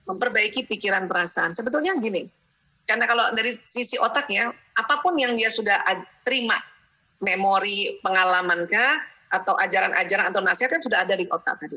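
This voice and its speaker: A middle-aged woman giving a lively parenting seminar talk, acting out little parent and child exchanges. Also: mid-range voice, highs cut off. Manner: animated, acts out parent and child lines.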